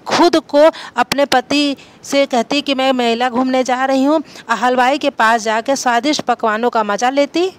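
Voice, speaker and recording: A woman's voice: high-pitched, steady tone, unhurried, few pauses. A woman narrating a devotional folk tale in an earnest, dramatic storytelling manner.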